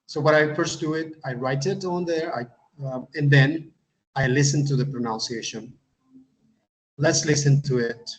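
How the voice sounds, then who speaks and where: A man who teaches English, giving a step-by-step tutorial in a halting way, often repeating words and adding uh. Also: medium pitch, low-quality recording. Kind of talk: instructional tutorial.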